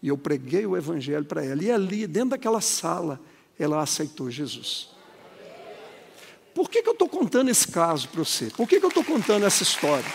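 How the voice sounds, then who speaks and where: A man's voice: on the high side, sing-song, a little fast, gravelly. A man, preaching a sermon and telling a story in a dramatic, swooping way, heard in a long reverberant hall. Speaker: pastor.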